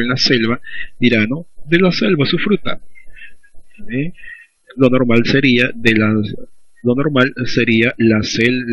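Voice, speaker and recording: Peruvian teacher with a husky voice. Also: male voice, medium pitch, fairly bright tone, no room sound. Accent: Peruvian Spanish. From Peru. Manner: explanatory, asks and answers own questions. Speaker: school teacher. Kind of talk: recorded class lecture. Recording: dull lo-fi recording.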